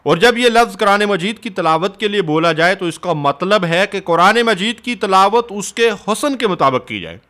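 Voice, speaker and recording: A man giving a scripted religious lesson, reading in a measured, explanatory way and reciting quotations. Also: high-pitched, sharp tone. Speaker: religious teacher.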